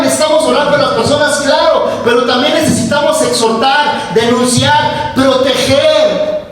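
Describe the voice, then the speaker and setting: A man preaching a sermon as pastor, mocking whiny voices and building to shouted exhortation. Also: extremely high pitch, recorded from a distance, a little hiss or hum. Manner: mimics whiny voices of church members. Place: church sanctuary. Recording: echoey church sanctuary from afar.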